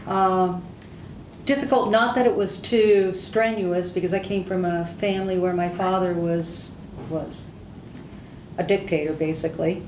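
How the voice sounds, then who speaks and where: Unhurried and fairly even in intonation, an older woman with a fairly low, darkish voice tells plain, candid stories from her service. She is a native Hungarian speaker interviewed as a veteran for an oral history. The recording is distant and echoey, with a bit of hiss or hum.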